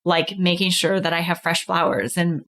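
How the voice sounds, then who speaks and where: A woman's voice: lowish voice, steady tone, moderate pace, a crowd in the background. A woman hosting a business coaching podcast, chatting casually and encouragingly with a guest. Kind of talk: casual interview chat.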